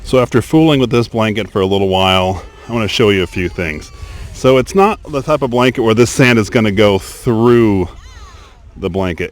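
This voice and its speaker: A man chatting casually and upbeatly as he reviews a product, partly outdoors at a beach. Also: medium pitch. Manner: chatty, upbeat, thinking aloud.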